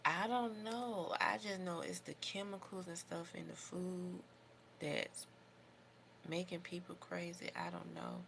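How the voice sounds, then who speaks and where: An American woman hosts a casual livestream in a fairly low voice with plenty of fry. She talks informally, rambling from thought to thought and giving her opinions freely. There is some noise in the recording behind her. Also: flat delivery, unhurried, a bit bright. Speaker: livestream host doing her makeup. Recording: noticeable background noise.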